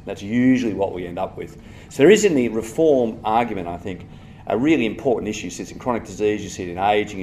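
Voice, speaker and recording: A man's voice: lowish voice, a little mellow, a little hiss or hum. An Australian man giving a live conference talk, emphatic and digressive, breaking into asides as he goes. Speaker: conference speaker on health policy.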